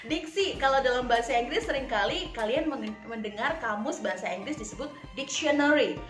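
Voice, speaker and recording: A woman teacher giving a lesson to children, speaking clearly and deliberately with lively expression. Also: a little high, soft background music. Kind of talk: recorded online lesson for children. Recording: echoey room.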